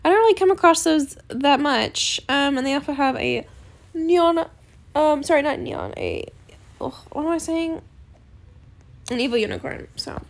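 A woman's voice: high voice, moderate pace, gravelly. A woman hosting a gaming channel, chatting casually over her gameplay in a bubbly, giggly way and playing up small setbacks with mock melodrama. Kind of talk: casual game commentary.

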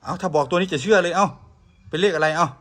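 A man's voice: on the high side, fast talker, a bit bright. Coaxing Isan Thai man, faint noise. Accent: Northeastern Thai (Isan). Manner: repeats short questions insistently. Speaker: video host talking to a pet bird. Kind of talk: casual coaxing chat.

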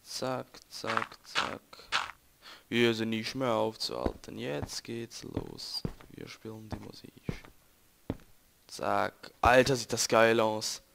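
Gravelly young German gamer, joking. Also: male voice, on the low side, sing-song, takes it slowly. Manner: chatty, joking, talks to viewers. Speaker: let's play gamer. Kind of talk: casual gameplay commentary. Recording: noisy home recording.

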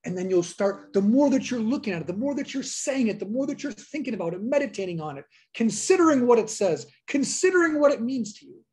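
A woman's voice: fairly high pitch, sing-song, fast, few pauses, darkish tone, breathy edge. A woman pastor giving a sermon, reading scripture aloud and repeating key lines for emphasis.

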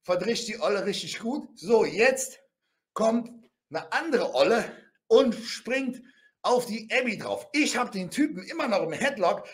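A man telling a rough anecdote in a casual, blunt way, full of crude slang, tag questions and sound effects. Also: high-pitched, animated, unhurried. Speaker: storyteller.

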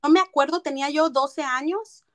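A woman's voice: high voice, normal speed. A woman giving a personal testimony in an interview, telling her story earnestly and slipping into English phrases. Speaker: interviewee recounting her past.

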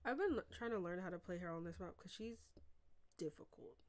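A young woman streaming a video game, chatting playfully with a friend and reacting quickly. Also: on the low side, lively intonation. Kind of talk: casual chat while gaming.

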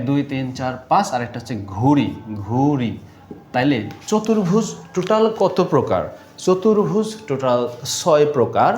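A man's voice: on the high side, darkish tone, echoey room, a little hiss or hum. A man teaching a math lesson patiently, repeating key terms and asking questions before he answers them. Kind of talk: classroom-style math lesson.

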